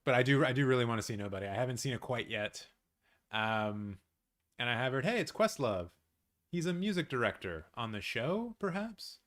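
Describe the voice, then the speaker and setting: A man's voice: medium pitch, animated, normal speed, fairly bright tone. A chatty man from Canada, talking casually to a live-stream audience from his apartment. He rambles and restarts, with a mid-range voice and plenty of fillers. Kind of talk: casual live watch-along chat, reading viewer comments.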